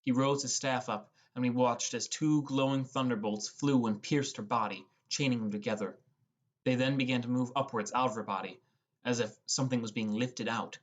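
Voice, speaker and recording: Here a first-person fantasy adventure is narrated for an audiobook from a prepared script. The medium-pitched voice holds a steady tone and moves at a moderate pace.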